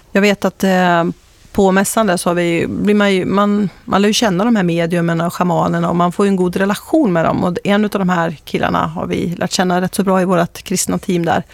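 A woman's voice: lowish voice, gravelly, darkish tone, no echo. Woman, radio guest, earnest storyteller, emphatic, dry close studio sound. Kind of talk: testimony-style radio talk.

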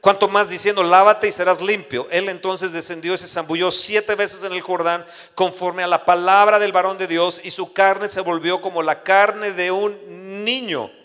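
A man's voice: high-pitched, fairly even intonation, unhurried, hardly any pauses, a bit bright, clean tone. A man preaching a sermon. He reads scripture aloud, then tells personal stories with many restarts. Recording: echoey hall with long reverb.

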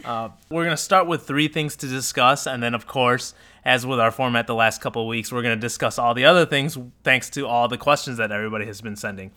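A man's voice: mid-range voice, steady tone, fast, hardly any pauses, sharp tone, clear, resonant tone. Man hosting a casual podcast. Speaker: podcast host.

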